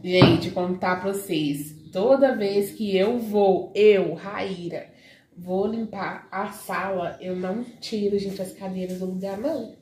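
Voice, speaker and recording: A woman's voice: mid-range voice, steady tone, takes it slowly, background noise. A woman chatting casually to her viewers while she cleans her home, filming on a handheld phone. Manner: chatty, addresses viewers as "gente". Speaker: vlogger. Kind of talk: casual vlog chat.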